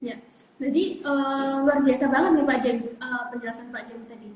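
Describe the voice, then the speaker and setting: Woman hosting q&a on a video call, high voice, roomy echo. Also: fairly even intonation, normal speed. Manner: polite, agreeing, relays questions. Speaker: moderator. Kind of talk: live online talk, moderating questions.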